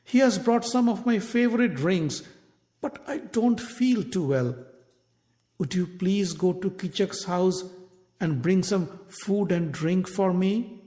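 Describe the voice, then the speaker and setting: A man voicing a scheming queen in a storybook tale, soft and coaxing. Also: sits high, slow pace, big-room sound, voice pushed up.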